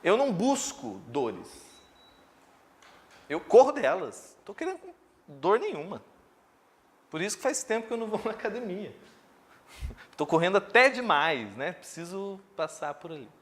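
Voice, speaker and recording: High-voiced, animated Brazilian preacher. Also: male voice, moderate pace, long pauses. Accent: Brazilian Portuguese. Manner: animated, emphatic preaching with joking asides. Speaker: pastor. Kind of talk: sermon. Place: church congregation.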